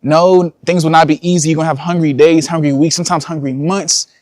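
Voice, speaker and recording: A man's voice: on the high side, fairly even intonation, fairly quick, darkish tone, dry recording, studio quality. A young man, a content creator, talking casually and slangily to his viewers in a vlog. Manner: casual slangy talk, addresses viewers as y'all.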